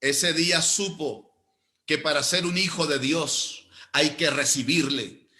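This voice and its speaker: A male pastor preaching a sermon, telling a story and swinging between loud emphatic phrases and low, slow ones. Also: fairly even intonation.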